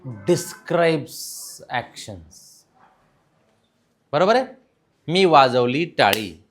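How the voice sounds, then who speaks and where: In a classroom lesson, a man with a Marathi accent teaches English grammar, mixing in English words and quizzing his students. His voice is medium in pitch with big pitch swings and drawn-out words, plus a little hiss or hum.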